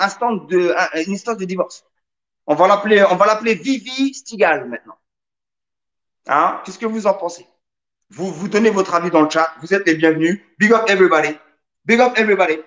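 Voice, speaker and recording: A man's voice: high voice, a bit bright. A man hosting a live radio show, joking and teasing while reading out the chat. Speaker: radio host.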